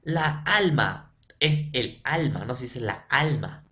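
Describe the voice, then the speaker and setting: A male teacher with a Peruvian Spanish accent, explaining grammar step by step and asking and answering his own questions, sometimes dropping to a soft whisper. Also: mid-range voice, expressive, slow pace. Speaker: school teacher. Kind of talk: grammar lesson.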